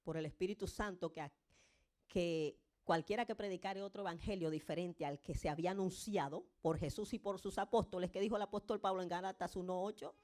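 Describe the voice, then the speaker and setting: A woman's voice: fairly even intonation, darkish tone. A woman preaching a sermon in Spanish to a congregation, fervent and emphatic, addressing them directly as brothers and sisters. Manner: fervent, rising to emphatic peaks then dropping low and slow.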